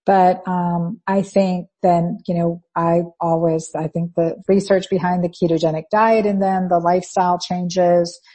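A woman with a Spanish accent hosts a health interview. She talks in a husky voice, fluent and detailed, with occasional restarts. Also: lowish voice, level tone, unhurried, hardly any pauses, dark tone. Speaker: podcast host. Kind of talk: conversational interview.

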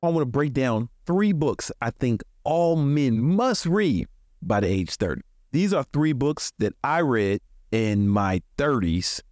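This forties-aged American podcast host delivers relaxed motivational talk, swearing freely, speaking colloquially and chuckling frequently. His mid-range voice is animated but unhurried with a darkish tone, recorded at studio quality without room sound.

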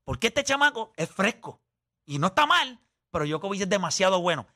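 Man, high voice, bright tone, insistent, keeps cutting in, long sports analogies. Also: big pitch swings, fairly quick. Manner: insistent, talks over others, explains with long analogies. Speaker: podcast co-host. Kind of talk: heated sports debate.

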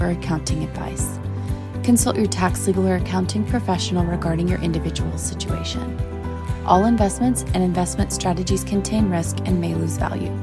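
Female announcer, lower register, impersonal scripted legal disclaimer over clear background music. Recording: music behind the voice.

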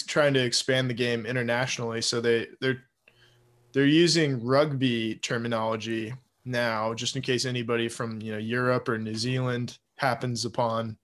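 A man co-hosting a sports talk show, chatting casually and explaining things in a tentative, halting way. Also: mid-range voice, fairly bright tone. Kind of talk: casual chat.

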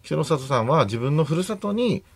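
A man in his fifties co-hosting a radio show, telling stories in lively, quick casual chat. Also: fairly high pitch, slightly rough, no room sound. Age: 50s. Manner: lively storyteller, quick chatty delivery.

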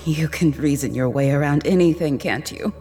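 A woman's voice: mid-range voice, lively intonation, normal speed, a little mellow, faint music behind, natural voice. A woman playing a compassionate goddess of nature and healing in an audio drama, a loving wife with a tender, earnest manner. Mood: gently teasing.

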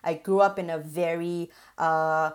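A young woman from Singapore talks through her career as a podcast guest. Her voice sits a little low, and she chats freely with lots of fillers and laughs. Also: steady tone, a little slow. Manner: chatty, laughs often, many fillers. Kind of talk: podcast interview.

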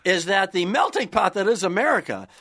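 A man's voice: high-pitched, lively intonation, fairly quick, a bit bright. A man hosting a sports podcast, chatting casually in a joking, rambling way.

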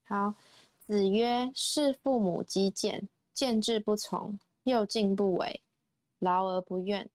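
A female co-host reads a classical passage and its translation aloud. She recites slowly and carefully, line by line. The sound is dry and close. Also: mid-range voice, fairly even intonation, a little mellow, no echo. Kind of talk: reading a classical text aloud.

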